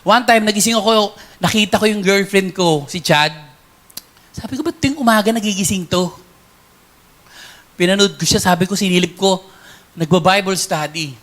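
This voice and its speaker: A man's voice: high voice, moderate pace, pauses often, a bit bright. A middle-aged man, a former comedy actor, telling his personal faith testimony in an earnest, emotional, conversational way.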